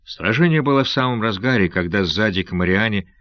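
A low-voiced male narrator reading an adventure story in a steady, measured manner. The recording is dry with no room sound and a slightly dull, lo-fi tone. It sounds like a classic audiobook. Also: dry recording. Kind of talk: scripted narration of an adventure novel.

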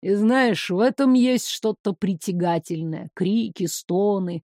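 A woman voicing a sadistic young male count who speaks in a soft, insinuating, mocking drawl in an audiobook. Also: medium pitch, measured pace, dry recording, clean studio sound. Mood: menacing.

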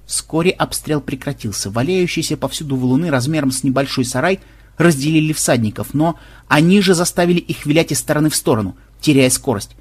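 Husky male narrator, lively storytelling, a touch high. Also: brisk. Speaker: audiobook narrator. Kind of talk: scripted narration.

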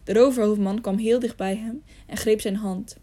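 A woman reading an audiobook aloud, telling the story in a calm, measured way. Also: mid-range voice. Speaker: audiobook narrator. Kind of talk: scripted storybook narration.

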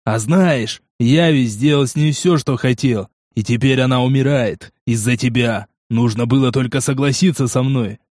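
A man voicing a cruel, cynical male gang boss in an audiobook, slow and contemptuous. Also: mid-range voice, a little mellow, no echo, studio quality, lightly acted. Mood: hissing menace. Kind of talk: audiobook character voice.

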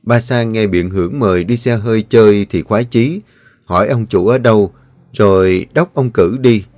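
A man narrating a novel in a steady, even reading voice. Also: on the low side, moderate pace, no echo, faint music behind. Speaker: audiobook narrator. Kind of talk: novel read aloud.

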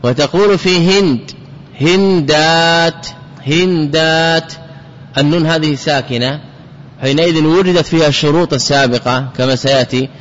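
A man teaching grammar in a fairly high voice, drawing out and repeating example words, then posing questions and answering them himself. The recording sounds muffled, with a long reverb trailing off each phrase. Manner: explains slowly, repeating example words and asking rhetorical questions. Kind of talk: classical grammar lesson. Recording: dull audio with long hall reverb.

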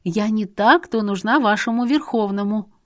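A woman's voice: medium pitch, moderate pace, a little mellow, dry recording, studio quality, close to an everyday voice. A woman voicing a stubborn young heroine who talks back insistently in a storybook reading. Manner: insistent, exclaiming.

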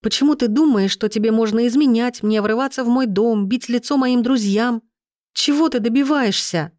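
A woman's voice: mid-range voice, a little fast, darkish tone, no echo, studio quality, voice pushed up, close to an everyday voice. A woman voicing a young pregnant woman in a storybook, trembling and pleading. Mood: tearful.

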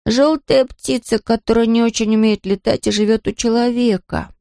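A woman's voice: fairly high pitch, steady tone, normal speed, mellow, dry recording, clean studio sound. Proud grumbling fox cub, voiced by a woman. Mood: puzzled. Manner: gruff grumbling. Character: young fox cub boy, proud and touchy.

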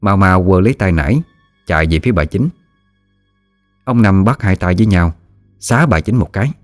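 A man narrating a ghost story in a steady storytelling manner. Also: sits low, moderate pace, no echo, studio quality. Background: soft music.

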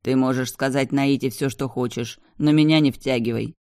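A man's voice: mid-range voice, steady tone, moderate pace, a little mellow, clean tone, no echo, clean studio sound, natural voice. A reader voicing a cold, menacing powerful man who answers curtly in an audiobook. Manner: icy, curt, venomous. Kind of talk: audiobook dialogue.

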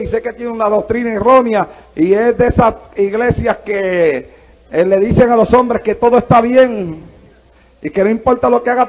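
A man's voice: extremely high pitch, muffled recording. A male pastor, preaching a fervent sermon full of praise interjections.

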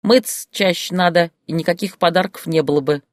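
A plump young woman shrieks her accusations, shrill and high, as a reader puts her on. The recording is dry and close. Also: fairly quick, dry recording, natural voice. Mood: shrill angry.

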